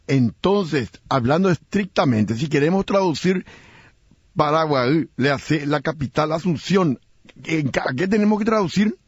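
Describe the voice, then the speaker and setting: A man's voice: a little high, expressive, measured pace, husky, no echo, highs cut off. A man hosting a radio interview, asking questions and recapping the answers to check them. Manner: inquisitive, recapping to check understanding. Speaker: radio host.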